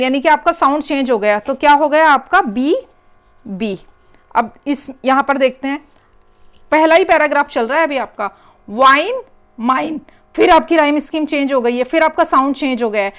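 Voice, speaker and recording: A woman teacher, working through an exam paper step by step and repeating the key words. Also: high-pitched. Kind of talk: exam paper walkthrough lesson.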